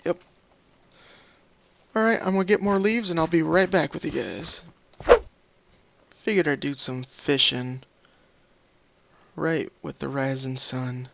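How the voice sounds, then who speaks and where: Speaking slowly and pausing often, this man hosts a gaming series and chats through a Minecraft session in a rambling, apologetic way, musing aloud as he plays. His voice sits on the high side, creaky and fairly bright, with a weary, slightly scratchy quality.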